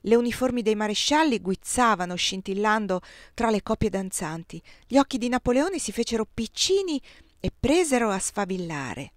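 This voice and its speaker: A woman narrating a novel in the first person, steady and expressive. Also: medium pitch, normal speed, dry recording, studio quality. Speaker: audiobook reader.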